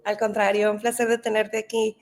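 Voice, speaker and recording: A woman's voice: mid-range voice, little pitch movement, fairly quick. A woman hosting an interview, greeting her guest and asking questions in a friendly way with short affirmations. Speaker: interview host. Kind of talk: hosted interview.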